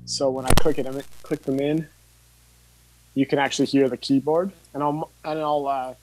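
Speaking at normal speed with little pitch movement, a man in his thirties gives a casual, think-aloud demonstration as a workshop instructor. His medium, darkish voice is captured on poor audio with slight background noise, in a home studio room holding tape gear.

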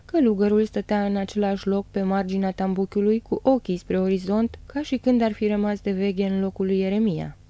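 A woman narrating an audiobook of a novel in a steady, dramatic storytelling manner. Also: mid-range voice, hardly any pauses, no room sound. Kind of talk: audiobook reading.

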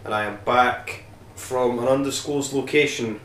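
A man's voice: medium pitch, unhurried. Sweary man in an echoey room. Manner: sweary, rambling, jokey. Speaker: podcast host reviewing films. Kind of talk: casual rambling review. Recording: echoey room with faint hiss.

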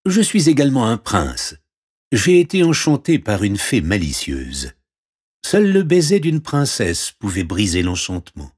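A man voicing a gentle, earnest young prince in a storybook reading. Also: on the low side, wildly swooping pitch, unhurried, slightly rough, pitched above the performer's own voice, heavily acted.

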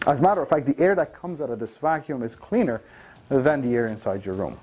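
A man's voice: medium pitch, animated, fast, music in the background. A man in his thirties presenting a vacuum cleaner in a studio, explaining its features in an upbeat sales manner with occasional fillers. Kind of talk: product demonstration. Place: dark studio showroom, indoors.

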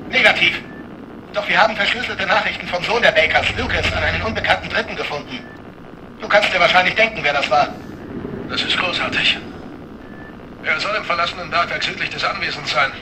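A businesslike soldier barks clipped orders over a two-way radio. The voice sits high for a man and comes from far off, with heavy hiss around it. He reports with flat military brevity. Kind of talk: dubbed video game dialogue. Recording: distant noisy radio chatter.

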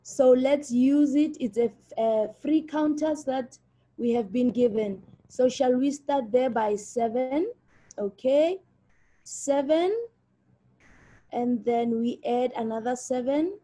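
High, bright woman teaching small children. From South Africa. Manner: encouraging, deliberate, instructing young children. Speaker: grade one maths teacher. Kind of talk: live online children's lesson, leading counting aloud.

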